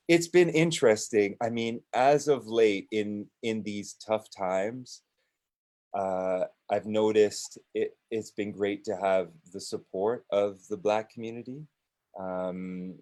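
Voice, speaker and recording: Man, deep-ish voice, slow delivery, hesitant with restarts, panel talk. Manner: hesitant, with many restarts and fillers. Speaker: business owner and panel guest. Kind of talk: panel discussion.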